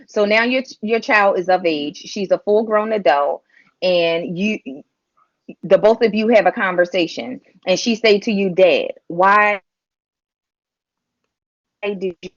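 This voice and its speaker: Woman on a breaking-up call line. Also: mid-range voice. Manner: poses a probing hypothetical question and repeats her lead-in. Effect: choppy, breaking-up call audio. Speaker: remote panelist on a call. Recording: dull dry call-in audio that cuts out.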